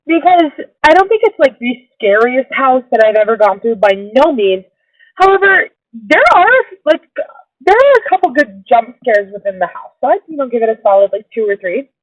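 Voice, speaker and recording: A woman's voice: on the high side, lively intonation, moderate pace, no echo. A woman co-hosting a podcast in casual, informal chat, giving her opinions freely. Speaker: podcast co-host. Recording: dull lo-fi makeshift recording.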